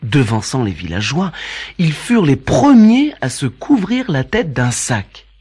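A man narrating a children's story in an expressive, animated reading. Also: on the high side, a little slow, slightly rough. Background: faint background music.

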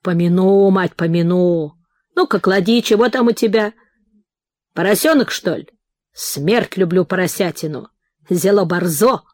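A woman reading the part of a jolly, gluttonous old village priest in an audiobook, hearty and slow. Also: lowish voice, a little mellow, no room sound, studio quality. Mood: jovial. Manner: boisterous, hearty, fond of food.

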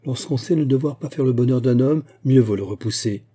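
A man's voice: mid-range voice, fairly quick, dark tone, slightly rough, natural voice. A man voicing a prim, affected young lady-in-waiting. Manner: affected, precious.

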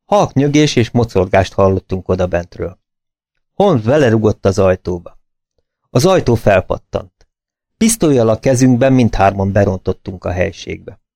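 A man narrating an audiobook in a steady, measured storytelling manner. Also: fairly low pitch, vocal fry, no echo, studio quality.

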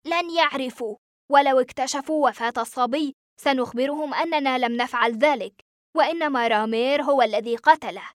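A woman's voice: sits high, brisk, dry recording, studio quality, lightly acted. A woman voicing a cold, ruthless male rebel general who gives curt orders. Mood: cold commanding. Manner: curt, commanding.

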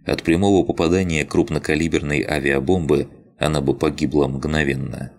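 A man reading an audiobook in steady, even scripted narration. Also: very deep voice, moderate pace. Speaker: audiobook reader.

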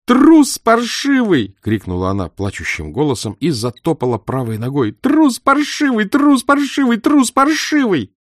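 A man's voice: lowish voice, lively intonation, fairly quick, hardly any pauses, a little mellow, no room sound, studio quality. A man reading an audiobook, voicing an upset young girl who is tearful and scornful, given to hissing, weepy outbursts. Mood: tearful shouting. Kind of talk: audiobook character voice.

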